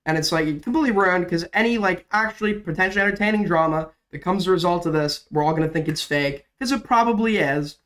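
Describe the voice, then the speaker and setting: Talking casually about drama on his livestream, a young man with a slightly raised, fairly bright voice coughs and cracks because illness has made his throat sore. He swears and rambles heavily with lots of fillers, moving easily between rapid and slower talk.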